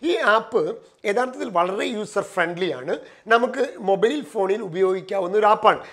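A middle-aged man from Kerala gives a motivational career talk with a notably high voice. He moves through numbered points, speeding up and then slowing down to stress key phrases. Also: lively intonation, fairly bright tone. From Kerala, India. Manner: numbered points, shifting between quick runs and slow stressed phrases. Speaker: career trainer and personal coach.

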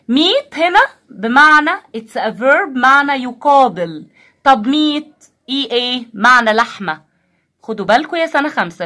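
A woman teacher with an Egyptian Arabic accent, giving a recorded vocabulary lesson in English and Arabic. She repeats each word slowly and answers her own prompting questions. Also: sits high, pushed and bright.

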